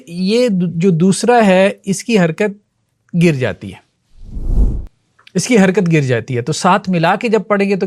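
A male teacher giving a grammar lesson, explaining step by step, asking questions and repeating key terms slowly. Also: sits high, darkish tone. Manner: explanatory, asks the class questions.

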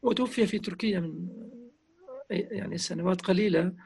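A man, reminiscing in conversation in a gentle, reverent way and softly repeating phrases. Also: sits high, normal speed, creaky, breathy edge. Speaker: interviewee.

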